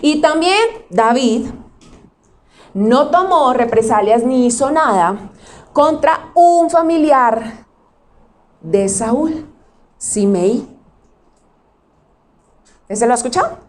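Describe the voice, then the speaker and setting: Lady pastor giving a sermon, high voice, chatty, keeps asking the crowd stuff. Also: lively intonation, takes it slowly, pauses often. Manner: conversational preaching, questions to the audience, acts out quotes.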